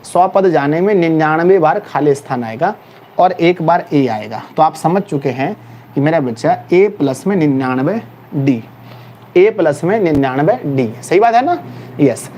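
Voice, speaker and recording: A middle-aged man teaching math in a classroom, in a lively, teasing way, calling his students "my child". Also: on the high side, a little slow, dull audio. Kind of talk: classroom lecture. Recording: faint background noise with passing vehicles.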